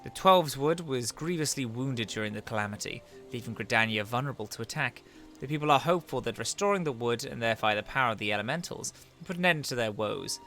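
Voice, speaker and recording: A streamer reading as a formal young scholar. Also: male voice, medium pitch, animated, fast talker, bright, forceful tone, soft background music. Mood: earnest. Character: earnest young male scholar, read aloud. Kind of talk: reading game dialogue aloud.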